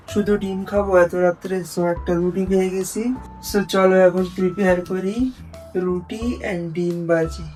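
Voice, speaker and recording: A young man with a high, creaky voice chats to viewers in a casual late-night cooking vlog from a small indoor kitchen, mixing in English words. He often speaks in a hushed voice so as not to wake his sleeping roommate, in a low-quality recording.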